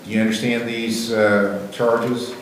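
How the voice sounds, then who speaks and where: A man's voice: lowish voice, flat delivery, a little slow. A man speaking as a judge, questioning a defendant in a formal, matter-of-fact, procedural way in a courtroom. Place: echoey courtroom. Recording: very echoey room, faint noise.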